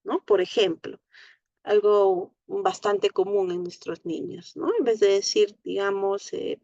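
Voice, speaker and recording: A woman with a Latin American Spanish accent teaches an online speech therapy class, explaining slowly and patiently while often checking in with the tag "¿no?". Her voice sits in the mid range, and the lo-fi recording has no echo.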